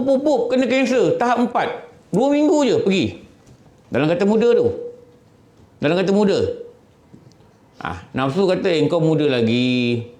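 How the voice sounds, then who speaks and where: A Malaysian man teaching as a religious teacher in an earnest sermon, dropping his voice low when he mimics temptation. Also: darkish tone. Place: prayer room of a government office. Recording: echoey room.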